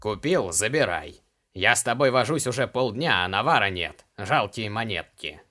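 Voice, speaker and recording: A greedy, rude slave trader, as a male reader plays him barks in a low, hard-edged voice. He grumbles and waves people off. It is audiobook character work. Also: animated, moderate pace. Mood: grumbling. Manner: loud, dismissive, grumbling.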